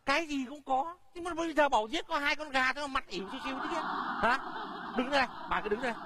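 An actor playing a pushy village official in a stage comedy sketch, scolding and giving orders. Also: male voice, very high-pitched, fast talker, background noise. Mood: lecturing.

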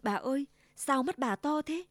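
A woman's voice: high voice, animated, moderate pace, dry recording, pitched above the performer's own voice. Woman doing a sweet little girl.

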